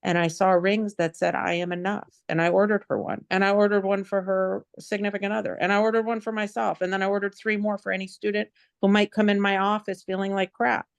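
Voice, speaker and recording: A woman in an online class shares her feelings in a halting, emotional way, full of "you know", over a video call. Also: medium pitch, flat delivery, creaky, clean tone, no room sound. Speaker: class participant. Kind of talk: personal sharing.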